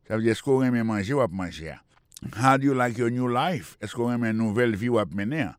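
A male radio teacher walks listeners through English phrases at a middle pitch, repeating each word and spelling it out letter by letter. His voice sounds dry and close, with no room to it. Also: dry recording. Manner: explains words slowly, repeating and spelling them out.

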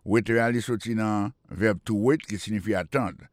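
Guy teaching a radio language lesson, kinda low voice, dry close sound, repeats and spells stuff out. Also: no echo. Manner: repeats phrases and spells words out slowly; explanatory and patient. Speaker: English teacher and radio host.

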